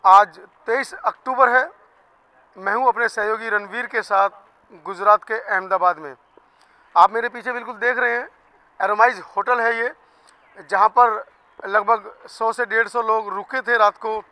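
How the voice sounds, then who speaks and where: A male field reporter speaking outdoors in front of a hotel, briskly prompting guests to introduce themselves. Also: high voice, steady tone, sharp tone, dry recording, low-quality recording. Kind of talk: field reporting and short interviews.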